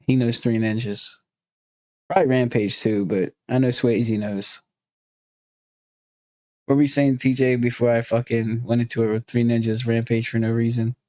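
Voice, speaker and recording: A man's voice: mid-range voice, level tone, normal speed, pauses often, a little mellow, dry recording. A man hosting a podcast in casual chat, loose and joking with plenty of swearing. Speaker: podcast host.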